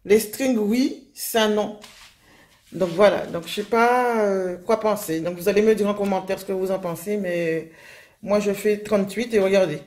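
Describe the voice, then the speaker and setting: A woman from Guadeloupe talks her way through a casual haul video. Her voice is husky and a little breathy, and her pitch sits in the middle. She rambles, restarts, and leans on fillers as she goes. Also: steady tone, moderate pace, darkish tone. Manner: chatty, rambling, with frequent fillers. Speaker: vlogger.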